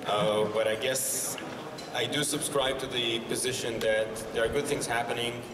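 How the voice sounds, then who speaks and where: A man's voice: medium pitch, level tone, moderate pace. A man in his thirties giving a conversational conference talk on a stage, with wry asides. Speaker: company founder presenting. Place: exhibition hall stage. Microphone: handheld mic, far camera. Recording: roomy hall from far off, noisy.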